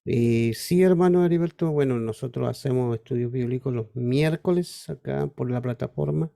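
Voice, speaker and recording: A Chilean pastor leads a Bible study class over a video call, speaking in an informal, unhurried way. His voice is gravelly and very dark, with a heavy fry underneath. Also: mid-range voice. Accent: Chilean Spanish.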